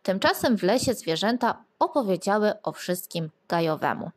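A woman reading a fairy tale aloud to children, expressive and lilting, sometimes asking the listeners questions. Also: medium pitch, normal speed. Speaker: storyteller.

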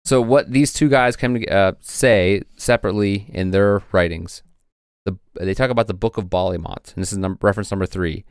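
A man's voice: on the low side, brisk, clear, resonant tone, dry recording, clean studio sound. A man co-hosting a casual podcast, reading passages from old texts with frequent fillers. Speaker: podcast co-host presenting research.

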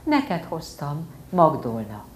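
A woman speaks as an anxious, tender father who talks softly. The voice stays low and hushed. A roomy hall carries it. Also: wildly swooping pitch. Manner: soft, pleading. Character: pale, anxious, gentle father.

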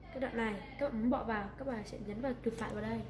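Woman calmly explaining software steps, echoey room. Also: on the high side. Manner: unhurried step-by-step instructions with frequent "đây, đấy". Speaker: software tutorial presenter. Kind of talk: screen-recorded software tutorial. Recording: echoey room, faint background noise.

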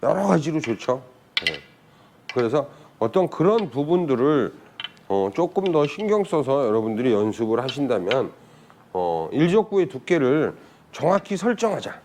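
Lively, chatty male billiards teacher. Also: medium pitch, moderate pace, slight background noise. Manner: chatty, asks viewers rhetorical questions. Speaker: billiards instructor. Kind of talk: casual spoken lesson.

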